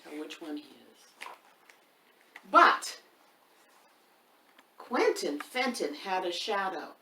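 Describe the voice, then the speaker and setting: Speaking slowly in a fairly low, sharp-toned voice with big swings in pitch, a children's author hosting storytime addresses young listeners directly, chatting unhurriedly and reading a picture book expressively. She is indoors by a fireplace in a roomy-sounding space, recorded on a distant mic with faint background noise.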